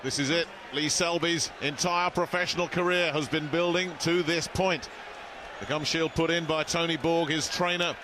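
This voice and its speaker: A man's voice: on the high side, steady tone, normal speed. A man giving live play-by-play boxing commentary from ringside as the lead commentator. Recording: loud crowd and arena noise behind.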